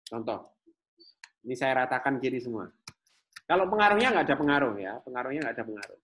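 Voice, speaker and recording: A man with an Indonesian accent teaches a live programming class, demonstrating code on screen as he goes. His pitch rises and falls in a lively way, and he thinks aloud, repeating points. It comes across as a casual classroom explanation. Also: fast. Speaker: programming lecturer.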